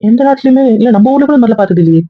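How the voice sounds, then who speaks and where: An actor playing a chatty visitor who gushes quickly, in an amateur serial drama. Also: medium pitch, lively intonation, phone-quality sound, natural voice. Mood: impressed. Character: chatty, impressed house visitor.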